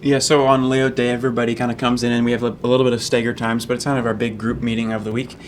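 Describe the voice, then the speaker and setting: A young man from Canada, a student managing editor answering interview questions in a relaxed, rambling way with many ums. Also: mid-range voice, racing, slight background noise. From Fredericton, Canada. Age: young adult.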